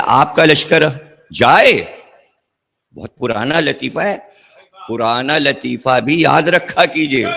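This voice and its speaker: A man preaches a sermon in a bright, forceful voice that sits fairly high. He swings from quiet, low passages to emphatic, near-shouted peaks. A long hall echo trails behind him, and he sometimes drifts off the mic. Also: creaky. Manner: rises to emphatic near-shouting climaxes, then drops low.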